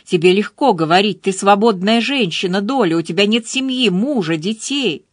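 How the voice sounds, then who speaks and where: A woman's voice: mid-range voice, lively intonation, moderate pace, no echo, studio quality, close to an everyday voice. A woman voicing a tearful young woman in her late twenties who answers defensively and sharply. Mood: resentful.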